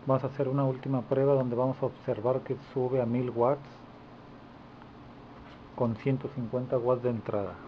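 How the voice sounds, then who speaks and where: A man with a mid-range voice demonstrates a repair indoors in a flat, informal way, speaking at normal speed with long pauses. He's captured by a handheld camera's built-in mic, so the audio is dull and lo-fi with clear background noise.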